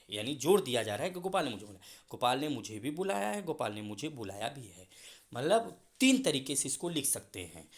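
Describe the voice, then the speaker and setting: A male school teacher giving a grammar lesson, explaining slowly, repeating example words and calling the students "beta". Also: mid-range voice.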